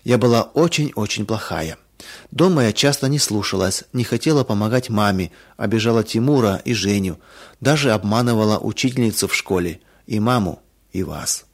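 A man voicing a lively young girl who is quick to temper, his voice pitched up. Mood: remorseful. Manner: raised pitch, emotional swings.

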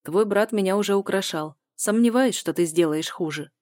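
A woman voicing a brooding, possessive man who speaks calmly and steadily in an audiobook. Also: mid-range voice, normal speed, no echo, natural voice. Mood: insistent. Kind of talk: audiobook character voice.

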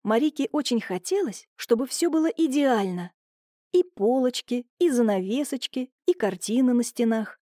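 A woman narrating an audiobook in a steady, expressive storytelling manner. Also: on the high side, normal speed, dry recording, studio quality.

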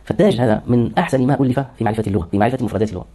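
A man's voice: medium pitch, very fast, dark tone. A man lecturing on hadith terminology, explaining words one by one and answering his own questions. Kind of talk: classroom lecture.

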